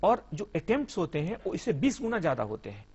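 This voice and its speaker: Give me a husky young man speaking as a police officer guest on a TV interview, earnest and formal, over muffled broadcast sound. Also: high voice, huge pitch swings, fast, darkish tone. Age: young adult. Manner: earnest, explanatory, formal Hindi with English terms. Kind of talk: TV studio interview.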